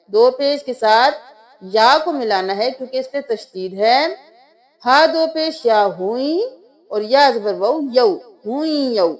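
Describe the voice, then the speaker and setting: A woman with a high, light voice and a Pakistani Urdu accent teaches Quran reading. She spells out letters and vowel marks patiently, one step at a time, in a plain lesson style. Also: expressive. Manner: patient step-by-step explaining, then slow drawn-out chanting of verses.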